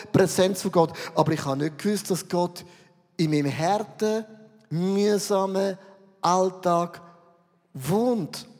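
Swiss German pastor preaching in echoing hall. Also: male voice, high-pitched. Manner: dramatic swings between loud and hushed. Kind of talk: sermon. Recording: reverberant hall.

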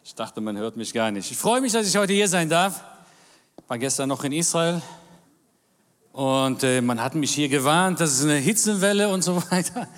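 A man in his forties gives a jovial church talk as a guest speaker, trading jokes and calls of amen with the congregation. His voice sits a little high, and it rings out through a large, reverberant church hall. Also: animated, normal speed. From Germany. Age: 40s.

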